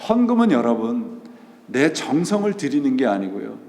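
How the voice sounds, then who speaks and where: A man's voice: medium pitch, very animated, normal speed, darkish tone. A male pastor preaching a Sunday sermon, asking rhetorical questions and answering them himself, and mixing English words into his talk. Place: church sanctuary. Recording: echoey church hall.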